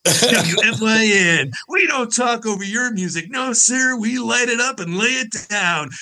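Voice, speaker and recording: A man's voice: very high-pitched, lively intonation, unhurried, sharp tone, pitched above the performer's own voice, heavily acted. A man putting on the voice of a boastful male radio DJ, with hyped announcer patter.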